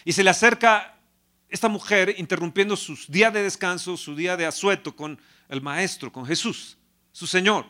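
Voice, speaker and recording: High, bright-voiced male preacher. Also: moderate pace. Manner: reads scripture softly, then preaches with rising intensity; acts out biblical characters in dramatized quotes. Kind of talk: sermon.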